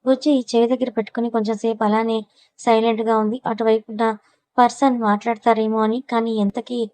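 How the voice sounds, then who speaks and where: Flat, steady woman storyteller. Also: a little high, a little fast, no echo, low-quality recording. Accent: Telugu. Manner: reads every character's lines herself with little change of voice. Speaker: narrator. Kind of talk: scripted audiobook narration.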